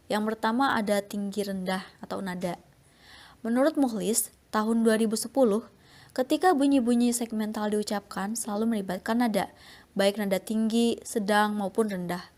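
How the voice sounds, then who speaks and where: A young woman presenting a university phonetics class talk, reading her slides in a steady, explanatory way. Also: mid-range voice, moderate pace. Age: young adult. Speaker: student presenter.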